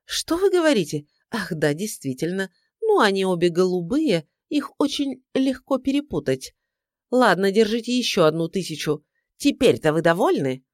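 A woman voicing a domineering, scheming middle-aged mother-in-law who scolds in a shrill, indignant voice for an audiobook. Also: sing-song, normal speed, no echo, studio quality, lightly acted. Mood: haughty. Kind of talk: audiobook character voice.

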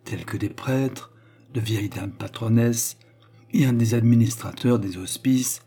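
A male narrator reads a classic novel aloud in a measured, even way. His voice is dark and mellow, with a husky edge. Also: mid-range voice. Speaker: audiobook narrator. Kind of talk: scripted literary narration.

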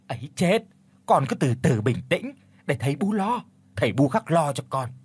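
A man's voice: fairly high pitch, big pitch swings, moderate pace, husky, no echo, exaggerated voice. A man voicing an anxious, doting older village mother who coaxes and frets. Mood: fretful.

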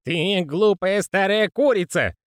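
A man's voice: high voice, big pitch swings, moderate pace, dry recording, studio quality, pitched above the performer's own voice. A man voicing a fussy, anxious old male postman in an audiobook reading. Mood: agitated.

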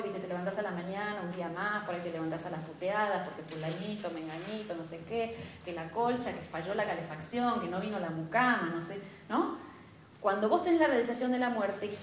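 A woman's voice: medium pitch, a little hiss or hum. A woman with a Rioplatense Spanish accent giving a spiritual class lecture, engaging and often checking in with her students. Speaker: spiritual teacher. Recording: echoey room.

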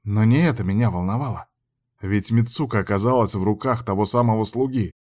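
A man narrating a first-person audiobook with an even, dramatic storytelling delivery. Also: fairly low pitch, fairly quick.

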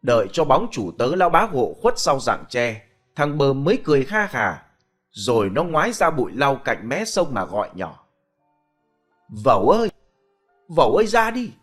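Animated male storyteller over faint music. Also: mid-range voice, normal speed. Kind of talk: ghost story narration.

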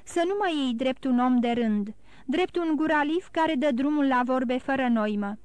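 A woman reading an audiobook, voicing a grave, wise older count who speaks slowly and solemnly. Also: high voice, darkish tone, clear, resonant tone, no room sound, close to an everyday voice. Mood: solemn counsel. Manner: slow, solemn, counseling.

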